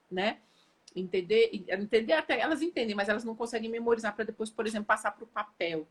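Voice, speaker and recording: Husky-voiced woman explaining with lively energy. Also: fairly high pitch. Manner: lively, repeats words, asks listeners if they follow. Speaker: educator and guest on an Instagram live. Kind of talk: casual explanatory talk on a live stream.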